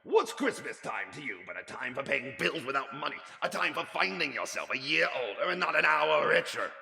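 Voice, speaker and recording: Storybook miser, old and indignant, acted by a man: curt, scornful growl, big pitch swings, long room reverb. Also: wildly swooping pitch, normal speed, vocal fry, sharp tone, faint music behind, heavily acted. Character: grumpy, indignant, miserly old uncle Scrooge.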